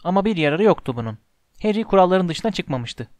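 A man narrating a storybook aloud in a steady, measured reading voice, close to the mic. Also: high voice, no echo. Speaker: audiobook narrator.

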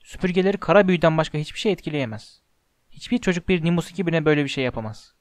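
A man voicing a huge, stubborn male gamekeeper in a gruff, grumbling low voice while reading a storybook aloud. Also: animated, racing, no room sound, lightly acted.

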